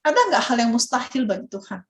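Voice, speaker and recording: A woman teaching Sunday school, telling a Bible story to children in an animated way and asking them questions. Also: fairly high pitch, brisk, echoey room. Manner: animated, asks children questions, dramatic exclamations.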